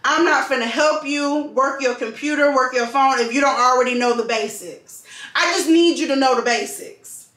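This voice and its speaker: A woman's voice: sits high, moderate pace, fairly bright tone. A woman venting casually to camera, emphatic and repeating phrases for stress. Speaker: vlogger and call center customer service worker. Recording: echoey room.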